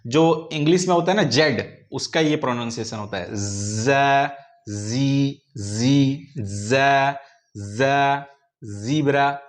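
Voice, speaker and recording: A man's voice: mid-range voice, takes it slowly. A male teacher giving a pronunciation lesson, patiently repeating each letter sound many times and stretching them out. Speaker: Quran recitation teacher. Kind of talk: slow pronunciation lesson with drawn-out repetitions.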